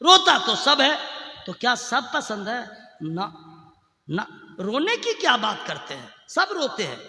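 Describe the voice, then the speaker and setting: Shouting preacher in an echoey hall. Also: male voice, extremely high pitch, huge pitch swings, slow pace, creaky. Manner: swings between loud chanted shouting and quiet conversational asides; chants Quranic Arabic in a sung tone. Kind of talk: sermon. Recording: echoey hall with long reverb.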